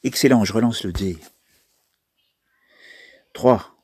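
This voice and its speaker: Guy rambling over a mobile game, slightly husky voice, dry close recording. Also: on the low side, takes it slowly, a little mellow, no echo. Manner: chatty, thinks aloud while playing. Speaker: mobile game video maker. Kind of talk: casual gameplay commentary.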